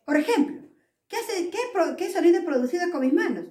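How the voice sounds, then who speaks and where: A high, lively woman with a Peruvian Spanish accent leads a playful lesson for small children, acting out sneezes and yawns. Her pitch jumps about constantly. The echoey room rings around her. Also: a little fast. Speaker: preschool teacher.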